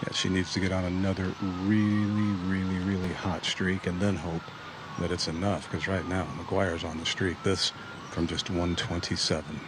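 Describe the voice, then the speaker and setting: A man's voice: deep voice, level tone, moderate pace, background noise. A man giving live golf commentary as an analyst, in an analytical, emphatic way.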